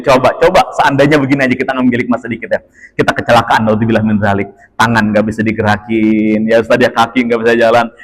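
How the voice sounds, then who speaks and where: A male Islamic preacher telling a story in a dawn sermon in a mosque, animated and emphatic, with frequent rhetorical questions. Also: medium pitch, poor audio.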